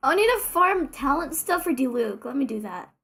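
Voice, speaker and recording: A woman streams a game live in a high-pitched, very animated voice at normal speed, her tone fairly bright with faint music in the background. As a VTuber, she chats casually, rambling, joking and poking fun at herself.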